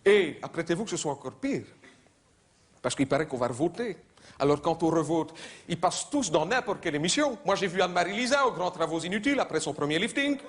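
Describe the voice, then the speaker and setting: A man doing live stand-up comedy, mocking and conversational, now and then shouting in put-on voices. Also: fairly high pitch, lively intonation, fast. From Belgium. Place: theater stage before a live audience. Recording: live show recording with crowd noise. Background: audience laughter and applause.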